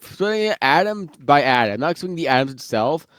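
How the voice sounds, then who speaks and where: A man's voice: on the high side, big pitch swings, brisk, fairly bright tone, no room sound. Male, casual rambler, slightly muffled from eating, dry close recording. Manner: rambling, many fillers and restarts. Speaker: guest worldbuilder. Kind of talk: casual chat about fictional lore.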